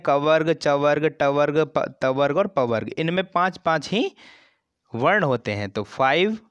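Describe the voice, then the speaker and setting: A man teaching a grammar lesson for an exam, explaining slowly, repeating terms and stretching sounds as examples. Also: on the high side, no echo. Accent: Hindi.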